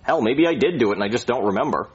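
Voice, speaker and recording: A man's voice: mid-range voice, rapid-fire, slightly rough, dull audio. A man doing a brash wisecracking puppet. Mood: sarcastic. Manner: excitable, sarcastic insults.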